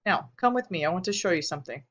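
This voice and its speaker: A woman reading the lines of a tearful, gentle middle-aged mother in an audiobook, in a soft, small voice. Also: on the low side, animated, fast, lo-fi sound.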